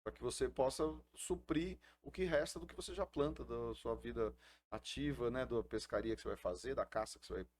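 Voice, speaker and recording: A man's voice: mid-range voice, a little fast, a little mellow. Impassioned man on a podcast. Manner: earnest, impassioned, tags many sentences with a questioning tag. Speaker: guest, FUNAI indigenist. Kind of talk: casual podcast interview.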